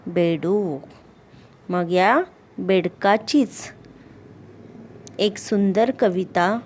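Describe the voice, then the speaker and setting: A woman teaching a primary school class with a Marathi accent. She explains slowly, asks the pupils questions and answers them herself, and recites a poem in a sing-song voice. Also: lowish voice, darkish tone, a little hiss or hum.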